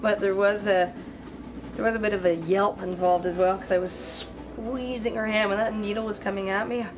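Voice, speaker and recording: A woman's voice: mid-range voice, steady tone, moderate pace, over music, lightly acted. An actress playing a casual woman telling an anecdote in a conversational comedy drama. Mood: amused. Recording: noisy ambient background.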